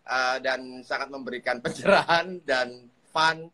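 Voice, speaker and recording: A man's voice: medium pitch, measured pace, sharp tone, poor audio. Teasing male host. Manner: teasing, playful. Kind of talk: casual live-stream chat.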